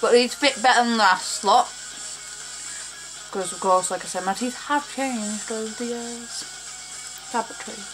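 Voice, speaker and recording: A woman with a slight lisp giving a casual, rambling how-to talk, unhurried and full of fillers. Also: fairly high pitch, steady tone, over music. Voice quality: slight lisp from wearing false teeth. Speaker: cosplay tutorial maker.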